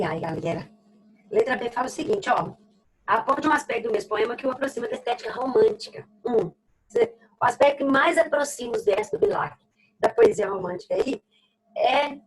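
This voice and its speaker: A woman's voice: on the high side, animated, moderate pace, long pauses, a little hiss or hum, low-quality recording. A woman with a Brazilian Portuguese accent teaching a literature lesson, explaining step by step, repeating key phrases and checking in with "ok?". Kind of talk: recorded class lesson.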